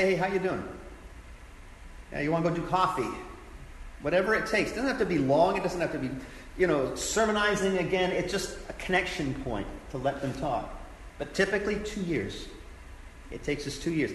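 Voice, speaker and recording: A man's voice: a little high, fairly bright tone. A man, a pastor, teaching a sermon in an earnest, conversational way, repeating his key phrases. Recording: echoey hall with faint background noise.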